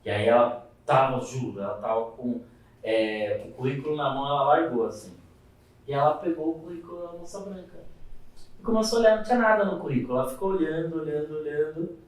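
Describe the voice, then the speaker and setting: A man with a Brazilian Portuguese accent, a teacher giving a lecture through lively stories and acting out the people in them. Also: on the high side, fast. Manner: animated, acts out dialogue in voices. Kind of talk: storytelling lecture. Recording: echoey room, far from the mic.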